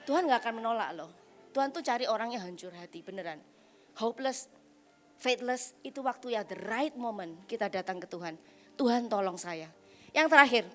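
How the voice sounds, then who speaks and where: A woman evangelist preaching a lively sermon at a retreat, teasing and blunt, throwing rhetorical questions at the crowd and dropping English phrases. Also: fairly high pitch, normal speed, faint music behind.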